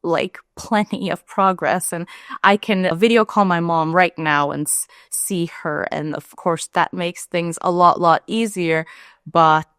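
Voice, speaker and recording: A woman's voice: a little slow, smooth, no room sound, clean studio sound. A young woman from India, a vlogger talking candidly and chattily to camera. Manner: chatty and candid, lively rises in pitch. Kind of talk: casual talk to camera.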